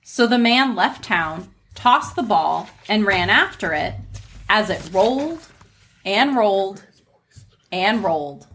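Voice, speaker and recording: A woman's voice: medium pitch, lively intonation, takes it slowly, fairly bright tone, slight background noise. A woman hosting and reading a folk tale aloud in a storytelling style, with casual asides. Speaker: narrator and host.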